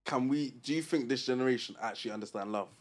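A young man with a London accent and a medium-pitched voice, talking as a podcast co-host. He chats casually in slang and repeats phrases to drive them home. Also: quick pace. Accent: British, London. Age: young adult. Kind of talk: casual chat.

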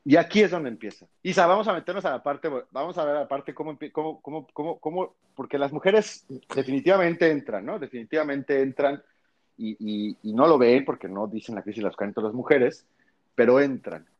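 A man's voice: medium pitch, fairly quick. A man, hosting a casual conversation and telling stories with quoted dialogue and frequent tag questions. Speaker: host. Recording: dull lo-fi recording.

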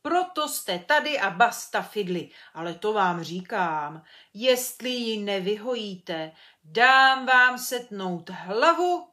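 A woman voicing a stern, impatient male sultan who gives loud commands in a children's storybook reading. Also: medium pitch, lively intonation.

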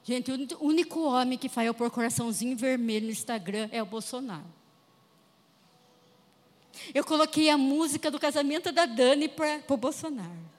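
A Brazilian woman preacher telling a funny personal testimony in an animated storytelling manner. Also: high voice, moderate pace, big-room sound. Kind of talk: humorous sermon testimony.

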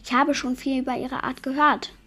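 A woman voicing a timid, stammering female yeti who dreams of being a ballerina, in a higher voice than her own. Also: little pitch movement, a little fast, pushed and bright. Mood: anxious. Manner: anxious, flustered stammering.

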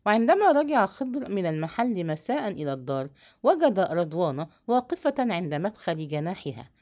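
A woman narrating a novel as an audiobook, reading in an expressive, measured storytelling manner. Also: lowish voice.

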